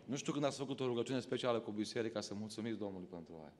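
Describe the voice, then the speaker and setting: A man's voice: lowish voice, long reverb tail. A man from Romania preaching a sermon to his congregation, rising into emphatic calls to the listeners. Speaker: pastor. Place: church hall.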